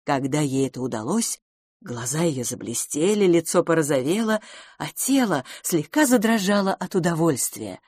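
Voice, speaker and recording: A woman reads a novel aloud in an expressive, animated way. Her voice sits low and moves up and down a lot. The recording is dry and close. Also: moderate pace, slightly rough, dry recording. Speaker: audiobook narrator. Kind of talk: scripted narration of a humorous novel.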